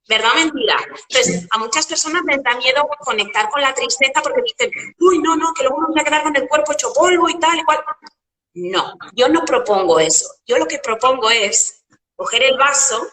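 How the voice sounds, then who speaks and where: Animated woman in an echoey room. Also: fairly high pitch, recorded from a distance. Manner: animated, explains with metaphors and rhetorical questions. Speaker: guest coach.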